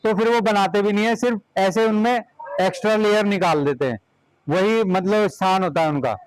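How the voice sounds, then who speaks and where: A man's voice: high voice, fairly quick, no room sound, rough recording. A man teaching a class of children, giving directions and repeating short commands.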